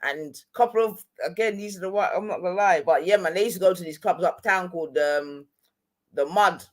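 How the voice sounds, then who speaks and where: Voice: mid-range voice, a little fast. A middle-aged speaker with a London roadman accent tells stories in casual, slangy chat, often checking in with tag questions. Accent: London, street slang.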